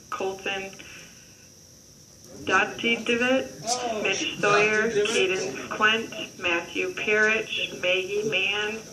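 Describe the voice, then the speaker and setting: Flat woman's voice over the school intercom. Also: medium pitch. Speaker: school office announcer. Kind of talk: reading out a list of names. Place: school office, heard through classroom loudspeaker. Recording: intercom heard in a noisy classroom.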